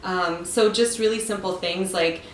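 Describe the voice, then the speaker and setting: A woman's voice: mid-range voice, steady tone, a little slow, roomy sound, distant mic, slight background noise, poor audio. A woman from Ukraine, a guest TV producer, talking easily and thoughtfully in a casual chat at home. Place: friend's home.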